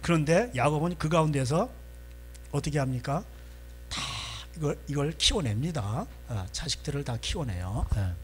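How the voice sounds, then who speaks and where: A male pastor preaching a sermon in a church, folksy and animated, constantly prompting the congregation. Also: fairly high pitch, moderate pace, slight background noise.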